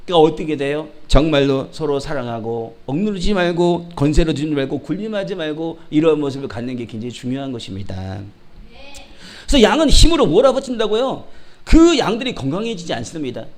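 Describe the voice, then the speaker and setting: A male pastor preaching a sermon in a high voice, which he works for emphasis. His delivery is animated and full of rhetorical questions to the congregation. Now and then he drops into mock regional dialects to make a point with humor. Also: a little fast.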